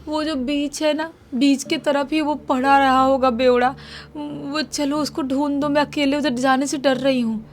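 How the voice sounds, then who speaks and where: Lady putting on a high teary young wife, pleading and desperate, storytelling voice. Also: level tone, a little slow, slight background noise. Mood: pleading, tearful. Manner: tearful, pleading. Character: sobbing young wife hunting for her drunk husband.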